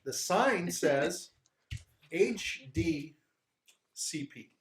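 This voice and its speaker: A man's voice: fairly high pitch, lively intonation, drawn-out words. A man narrating a tabletop game as the game master. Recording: echoey room.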